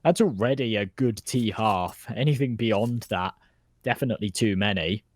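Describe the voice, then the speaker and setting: A British man with a fairly low voice casts an esports match, offering casual, chatty live color commentary as an analyst. He speaks at a normal speed, and the recording has no room sound.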